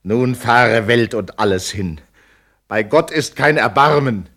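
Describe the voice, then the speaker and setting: A man voicing a young woman in grief, despairing and defiant, in a dramatic poetry recitation. His delivery swings between hushed lament and loud outcry. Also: lowish voice, slow pace.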